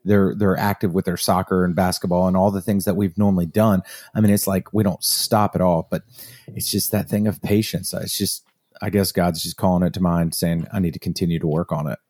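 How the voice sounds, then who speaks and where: Deep mellow-voiced man, reflective. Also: flat delivery, no room sound, clean studio sound. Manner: reflective, halting, with restarts. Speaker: podcast co-host. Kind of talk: casual chat.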